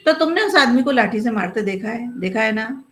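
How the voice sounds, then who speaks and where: A woman's voice: a little high, animated, a little fast, a bit bright, voice pushed up, poor audio. Woman as a scheming male inspector, scolding, condescending, storybook reading. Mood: lecturing. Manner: scolding, lecturing.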